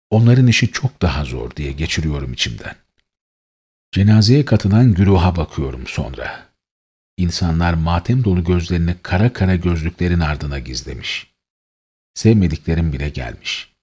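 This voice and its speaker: Male narrator, low and husky, mournful dramatic storytelling. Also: a little mellow. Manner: solemn, mournful recital.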